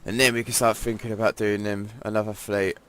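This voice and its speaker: Stuffy-nosed deep man. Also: brisk, slight background noise. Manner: relaxed, thinking aloud while planning moves. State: congested, stuffy nose. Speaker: gameplay commentator. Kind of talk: casual strategy game commentary. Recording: game music playing behind.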